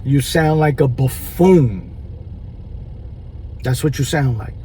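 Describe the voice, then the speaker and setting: A man vlogging in a casual monologue, chewing gum, talking with drawn-out rhetorical asides. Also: medium pitch, mellow, slight background noise, rough recording.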